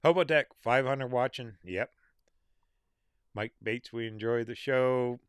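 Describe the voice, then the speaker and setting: Hosting a live stream, a man reads out viewer names and comments with small laughs, chatting casually and answering their questions. His medium-pitched voice is smooth but a bit worn, as he's losing it, and he takes things slowly. The recording is dry and of studio quality.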